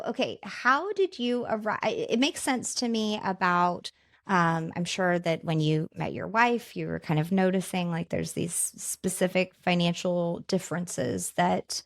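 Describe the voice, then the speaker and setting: A woman's voice: on the low side, no echo, clean studio sound. A woman hosting a podcast, asking questions in a casual, enthusiastic, affirming way. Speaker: podcast host. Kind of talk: casual interview.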